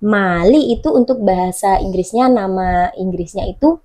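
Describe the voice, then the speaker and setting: A woman's voice: medium pitch, normal speed, warm tone. A young adult woman teaching a beginner Mandarin class. She patiently repeats each model sentence and translates it word by word. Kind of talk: explaining a beginner language lesson.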